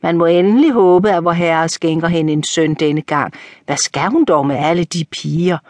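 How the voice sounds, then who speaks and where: A woman's voice: lowish voice, darkish tone, no echo, clean studio sound, close to an everyday voice. A woman voicing a chatty, nosy male railway porter in an audiobook reading. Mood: gossipy.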